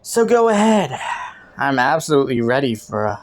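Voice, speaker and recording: A woman's voice: rumbling low, very animated. Woman acting flirty, swooping, teasing criminal Killua. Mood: sly, seductive. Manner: playful, taunting, coy, drawn-out mock innocence. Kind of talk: scripted roleplay audio, intimate monologue to the listener.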